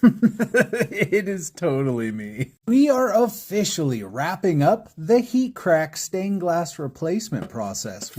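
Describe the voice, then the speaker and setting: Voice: medium pitch, mellow, breathy edge. A stained glass artist hosting a craft tutorial in voice-over, playful and jokey, with puns and frequent chuckles.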